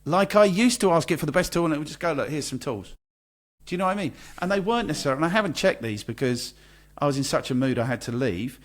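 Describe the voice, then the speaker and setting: Ranting man, higher-pitched. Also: lively intonation, rapid-fire. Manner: exasperated, ranting, swears freely. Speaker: podcast co-host. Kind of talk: casual chat.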